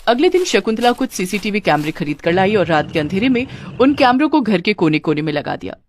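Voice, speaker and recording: A woman narrating a cartoon family story in a plain, even storytelling voice. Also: medium pitch, fairly quick, slight background noise.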